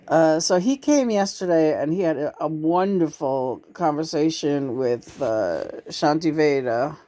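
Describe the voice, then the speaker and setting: A woman from New York City hosting a casual, reflective channeling chat, with halting, deliberate phrasing. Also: sits low, expressive, mellow. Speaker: host and channeler.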